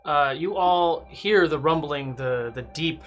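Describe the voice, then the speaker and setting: A man's voice: on the high side, takes it slowly, fairly bright tone, a little hiss or hum. A man acting as game master, casually narrating and refereeing a tabletop game.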